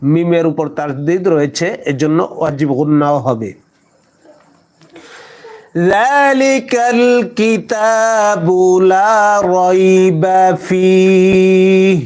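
Man teaching recitation, high voice, smooth and clear, drawn-out chanting between quick explanations. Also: darkish tone. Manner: alternates slow drawn-out recitation with brisk explanation. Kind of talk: Quran recitation lesson.

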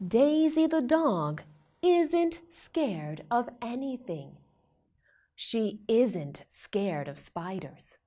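Slow, sing-song woman reading to a toddler. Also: a little high, sing-song, warm tone. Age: young adult. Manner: reading to a toddler, with simple questions and exaggerated expression. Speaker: storyteller for children. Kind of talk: read-aloud picture book storytelling for young children. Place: indoor studio with plain backdrop.

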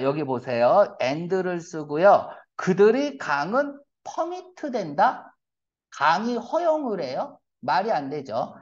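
Lively-pitched male teacher, dull lo-fi audio. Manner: asks rhetorical questions, blunt slangy asides. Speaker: English reading teacher. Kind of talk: classroom lecture on reading comprehension. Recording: dull lo-fi lecture recording.

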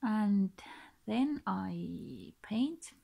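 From a small bedroom, a woman in her thirties from Finland introduces her channel, speaking unscripted to camera hesitantly, in brief, breathy, halting phrases with a Finnish accent. Her medium-pitched voice is mellow with lively intonation, captured by a built-in device mic held close to her face.

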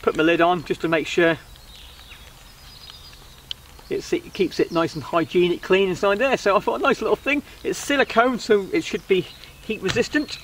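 This thirties-aged vlogger talks briskly in a high-pitched, fairly bright voice while reviewing cheap camping gear, rambling a little and hesitant. He's out on a wooden deck by a river. With the camera a couple of metres distant, background noise comes through.

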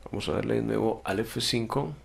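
A man teaching music software step by step in a screen-recorded tutorial, patiently explaining, correcting himself and checking in with "ok?". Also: lowish voice, brisk, gravelly.

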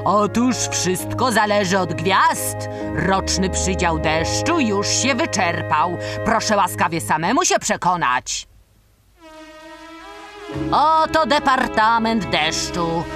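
A woman's voice: mid-range voice, very animated, slow, over music. A woman playing a fussy, officious celestial water bearer in a children's audio story, speaking in a formal, pompous way. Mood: officious, explaining.

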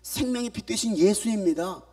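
A male pastor preaching to a youth gathering, swinging from shouts to hushed asides and firing questions at the congregation. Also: high voice, a little fast, far from the mic. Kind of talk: sermon. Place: church youth meeting hall.

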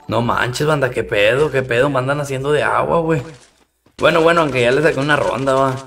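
Mexican male streamer, casual slangy chat, gravelly, recorded a bit off-mic. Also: mid-range voice, fairly quick, fairly bright tone, distant mic. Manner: slangy, greets and thanks chat viewers between rounds. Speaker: live-stream gamer. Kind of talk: casual live-stream game commentary.

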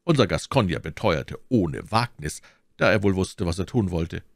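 A man reading a classic novel aloud as an audiobook, expressive in his narration. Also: sits low, normal speed, no room sound, clean studio sound. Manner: expressive storytelling. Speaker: audiobook reader.

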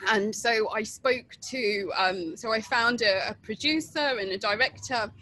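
A middle-aged Englishwoman being interviewed over a webcam video call tells her story casually and chattily, with many fillers and laughs, from an outdoor porch at night. Her voice is a little high, a little slow, bright and forceful. The recording is rough, with slight background noise.

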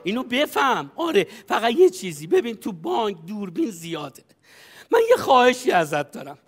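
A man's voice: high voice, very animated, husky. A man in a comedy sketch, bossily coaching someone with brash advice and frequent laughter. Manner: brash, bossy, laughs often while coaching. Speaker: comic advisor in a sketch. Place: studio stage.

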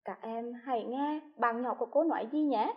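A female primary school teacher giving a televised lesson to first graders, speaking slowly and spelling things out with careful, clear articulation. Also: a little high, highs cut off. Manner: slow, clearly articulated classroom delivery.

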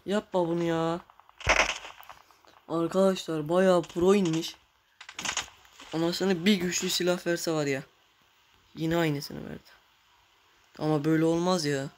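A man giving casual, excitable commentary while playing a mobile game, cursing and talking to his viewers. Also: a little high, measured pace, pauses often, a little hiss or hum. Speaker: gamer.

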